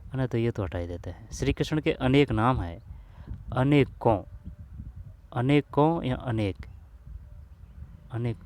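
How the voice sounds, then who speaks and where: A man talking through old exam questions in a relaxed, informal lesson. He mutters and repeats phrases while he works each one out, and keeps checking in with the viewer. His voice sits at an ordinary middle pitch. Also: slow pace, long pauses, slight background noise. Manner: thinks aloud, repeats phrases, mutters to himself; addresses viewers as bhai, asks if they understood. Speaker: exam coach. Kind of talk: casual Hindi grammar lesson solving old exam questions.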